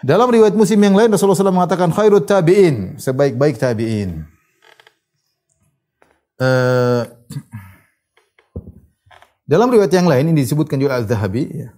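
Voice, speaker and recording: A man giving a religious lecture, reciting Arabic narrations and retelling them in a lively storytelling way. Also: a little high, brisk, long pauses. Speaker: Islamic preacher.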